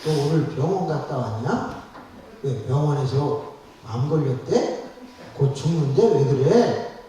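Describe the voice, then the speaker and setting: A man playing a gruff, bewildered middle-aged husband, talking in a rough, bossy voice. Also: medium pitch, slow, darkish tone, close to an everyday voice. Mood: baffled. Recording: echoey church hall from far off.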